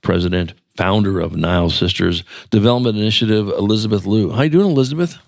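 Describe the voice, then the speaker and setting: Gravelly-voiced male podcast host. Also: lowish voice, dry recording, clean studio sound. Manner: friendly, curious, quick back-channel replies. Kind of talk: interview. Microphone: studio microphone.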